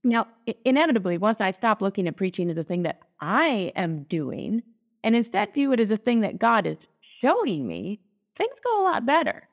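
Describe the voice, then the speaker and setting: A woman's voice: mid-range voice, very animated, normal speed. A woman co-hosting a lectionary podcast, talking in a chatty, teacherly way. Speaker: podcast co-host, Lutheran. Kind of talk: casual lectionary podcast chat.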